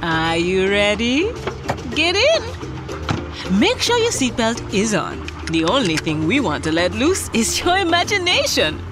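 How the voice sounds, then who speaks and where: Animated, unhurried woman telling children's stories. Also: on the high side, music in the background. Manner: playful, exclaiming, addresses little listeners like a children's entertainer. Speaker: children's story show host. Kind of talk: animated children's storytelling, scripted narration.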